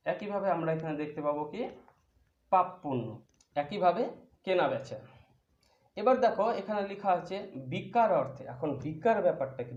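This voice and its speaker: A man's voice: sits high, a little mellow. A man teaching a grammar lesson, patiently explaining each point step by step with examples. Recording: echoey room, dull lo-fi sound.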